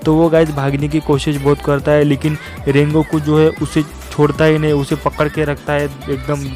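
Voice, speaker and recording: A man's voice: a little high, flat delivery, normal speed, darkish tone. A young man casually retelling an anime episode as a recap narrator, who keeps saying "guys" and "yaar" as he goes. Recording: faint music behind.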